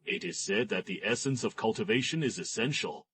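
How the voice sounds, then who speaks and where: A reluctant Taoist monk in an anime dub. The voice sits fairly low, with a mildly sarcastic edge. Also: male voice, expressive, fairly quick, fairly bright tone. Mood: reluctant, dry.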